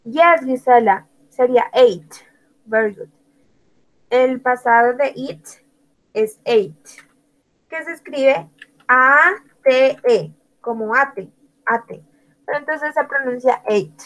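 A woman's voice: high voice, takes it slowly, a bit bright, rough recording. A woman teaching an English lesson, spelling out words letter by letter and praising students by name. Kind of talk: online language lesson.

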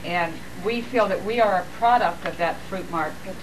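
A woman's voice: mid-range voice, moderate pace. Chatty woman on old camcorder audio. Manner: joking, chatty, rambling with fillers. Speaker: relative greeting family on a home video. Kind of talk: casual home video chat. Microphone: camcorder's built-in mic. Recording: old camcorder audio, far from the mic, hissy.

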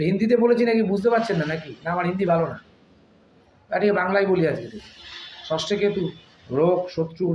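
Emphatic high-pitched man, echoey room. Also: a little hiss or hum. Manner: emphatic, repeats phrases, rhetorical questions; slow, deliberate speech. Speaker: astrologer, channel host. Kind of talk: astrology talk to camera.

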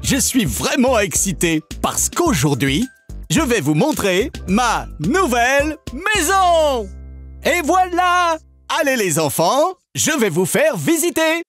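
A middle-aged man presenting a children's show in a bright, sing-song, welcoming and exaggerated way. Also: very high-pitched, very animated, takes it slowly, soft background music.

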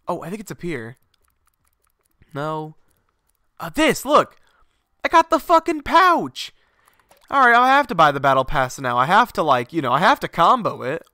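Recorded at studio quality with no room sound, this young man's voice is on the high side, gravelly, bright and forceful, though clearly sinusy and blocked up. He's live-streaming games from his garage at home, rambling casually and cursing without restraint.

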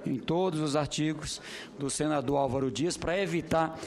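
A middle-aged Brazilian man, a senator giving a semi-formal committee speech, halting and circling back to rephrase. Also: fairly high pitch, fairly even intonation, darkish tone. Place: large Senate committee room, indoors. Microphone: desk gooseneck microphone.

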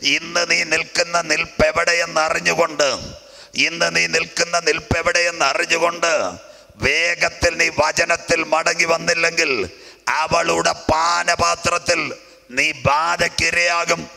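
Pastor guy chanting his sermon sing-song style, super bright voice, kinda monotone pitch, long hall echo. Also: a little slow, gravelly, soft background music. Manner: prompts a scripture reader, then repeats and expands each verse. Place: night convention gathering.

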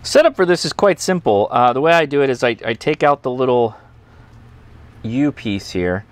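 Animated and moderately paced, this mid-range male voice belongs to an American ham radio channel host in his forties demonstrating a product on camera. He teaches in a conversational, enthusiastic way from his indoor home studio and workbench, with a little hiss or hum in the audio.

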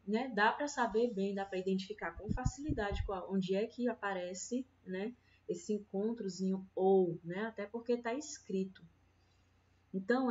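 A woman teacher with a Brazilian Portuguese accent, explaining patiently in an online lesson for children and often adding "né?". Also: medium pitch. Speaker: primary school teacher. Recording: dull lo-fi sound with faint guitar.

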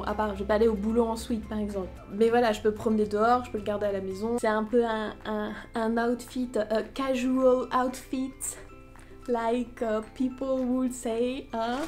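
A woman's voice: a little high, a little mellow. A woman chatting frankly through a casual unboxing review of cheap clothes. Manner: chatty, frank, mocking asides.

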